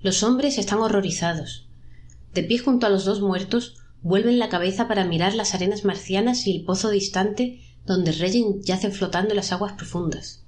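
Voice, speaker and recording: A woman narrating a dark story, voicing the trapped souls in a raised, pleading pitch.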